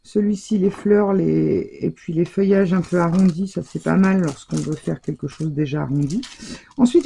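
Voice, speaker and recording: A middle-aged woman presenting her craft shopping haul in a casual, chatty way, hesitating often and filling pauses as she goes. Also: mid-range voice, vocal fry, dark tone, slightly rough. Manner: chatty, hesitant, full of fillers and self-corrections.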